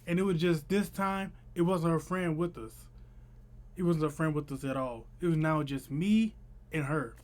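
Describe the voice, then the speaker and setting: A man's voice: a little high, normal speed, a little mellow. A young man with a lisp that slurs his s toward sh, chatting casually to camera as he tells a story in informal, slangy speech. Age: young adult. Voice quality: lisp with slushy sh-like s sounds. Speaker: vlogger. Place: small room at home.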